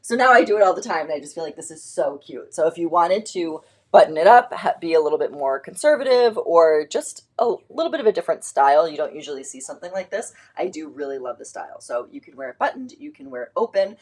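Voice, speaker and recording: A woman's voice: deep voice, sing-song, fast talker, few pauses, breathy edge. A woman hosting a casual live shopping stream, chatty and rambling with lots of fillers as she shows clothes.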